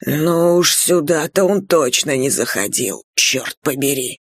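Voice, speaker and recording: A woman voicing a tall, easygoing small-town sheriff who talks in a relaxed, joking way, pitched lower. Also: unhurried, breathy edge, no echo, exaggerated voice.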